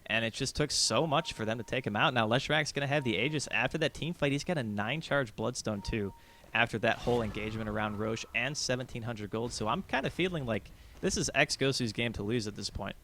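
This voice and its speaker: Fast, bright-voiced male game caster. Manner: rapid, gets loud and high during team fights. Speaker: esports caster. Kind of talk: play-by-play commentary.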